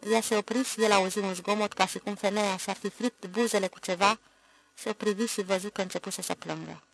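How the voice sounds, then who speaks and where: Gravelly-voiced audiobook narrator. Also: mid-range voice, fairly even intonation, a bit bright, low-quality recording.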